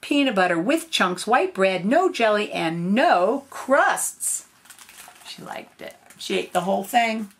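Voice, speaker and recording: Older woman, grandma storyteller, unhurried, lively pitch swings over a creaky voice. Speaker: grandmother reading a picture book aloud. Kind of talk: storybook read-aloud with casual asides.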